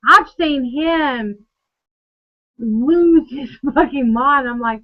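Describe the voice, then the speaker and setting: High-voiced, cursing woman co-host. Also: very slow. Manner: profane, animated storytelling. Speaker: podcast co-host. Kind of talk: casual drinking chat. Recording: dull lo-fi recording.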